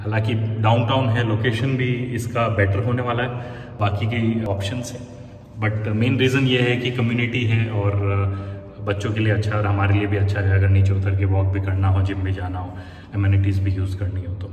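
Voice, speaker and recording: A man's voice: fairly low pitch, little pitch movement, moderate pace, a little mellow, distant mic, slight background noise. A man from India chatting as he films for his vlog inside an empty apartment, with his voice echoing off the bare walls. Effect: echo of a bare empty room. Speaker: vlogger. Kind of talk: casual vlog narration. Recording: echoey empty room, slightly off mic.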